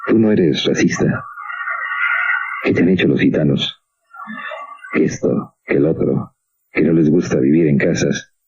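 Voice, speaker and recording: Older man, Mexican Spanish accent, extremely deep voice, muffled old AM radio tape. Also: a little mellow, slightly rough. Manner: musing, talks straight to the listener with many questions. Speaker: radio host. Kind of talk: reflective radio monologue. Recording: dull lo-fi 1990s AM radio recording.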